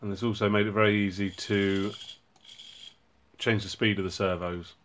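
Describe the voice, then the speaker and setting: A man hosting his own hobby channel, casually walking through a project and explaining it in a relaxed way with frequent ums and uhs. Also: lowish voice, normal speed. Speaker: robotics hobbyist channel host.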